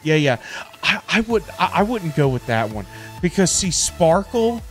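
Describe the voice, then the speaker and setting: His voice is fairly high and sing-song, moving at a normal speed, as this middle-aged American man hosts a casual game stream from his indoor home setup. Over background music he rambles and repeats himself, peppering his talk with loose slang.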